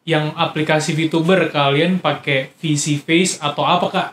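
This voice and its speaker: A man's voice: fairly high pitch, steady tone, a little slow, a bit bright. Cheerful man reading questions, roomy sound. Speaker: Q&A moderator.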